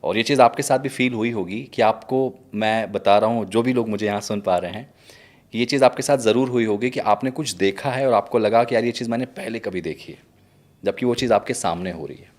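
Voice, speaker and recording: A man's voice: lowish voice, brisk. A man hosting an interview, asking questions with enthusiasm and turning to speak to the audience. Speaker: interview host. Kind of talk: conversational interview.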